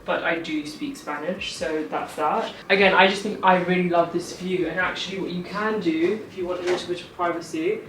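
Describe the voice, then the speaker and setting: A woman's voice: lowish voice, background noise. A young woman from Portugal, a travel vlogger, chatting casually through a room tour and her travel day. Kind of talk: casual vlog narration. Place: hotel room and car. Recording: distant camera mic with loud music.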